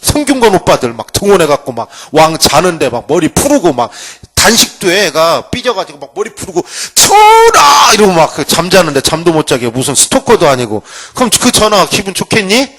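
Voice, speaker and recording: Male lecturer, playful and joking, higher voice, very animated pitch. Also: fairly quick, few pauses. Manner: playful, acts out quotes. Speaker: history lecturer. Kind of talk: humorous classroom lecture. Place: lecture room.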